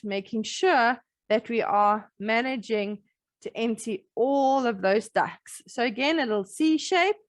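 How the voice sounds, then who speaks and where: A woman with a fairly high voice teaches a breastfeeding webinar, friendly and practical. She keeps checking in with her listeners as she explains each step. The sound is dry and close, as over a video call microphone. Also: no echo. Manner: friendly, practical, checks in with "all right?" and "okay?". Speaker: breastfeeding educator. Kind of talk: webinar presentation.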